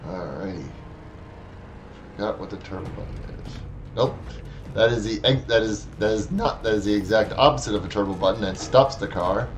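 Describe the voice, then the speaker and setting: A man in his thirties from Wisconsin, with the local accent and a lowish voice, streams a game from a small room at home over a headset mic. He talks at a normal pace over music, chatty and wry, often answering back to the game.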